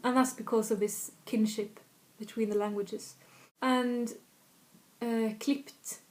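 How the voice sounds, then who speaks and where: A woman from Sweden, north of Stockholm, speaks slowly and evenly in a higher voice with a slightly northern Swedish accent. As a language tutor in a casual video lesson, she chats and repeats example phrases.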